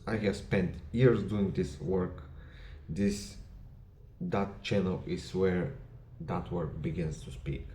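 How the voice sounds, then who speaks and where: A low-voiced man with a Bulgarian accent, a non-native English speaker, addresses the camera about his history channel. He talks in measured, deliberate short phrases with small grammar slips, his mellow voice carrying a roomy echo. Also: fairly even intonation.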